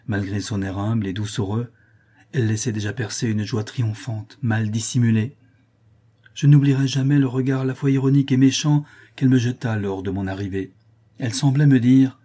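Guy reading an old novel, husky dark voice, steady. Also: medium pitch. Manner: measured, literary. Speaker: audiobook reader. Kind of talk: scripted narration.

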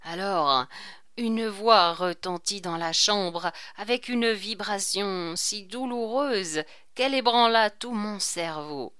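A woman narrating an audiobook in a measured, expressive way. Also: mid-range voice, clean tone, dry recording, clean studio sound.

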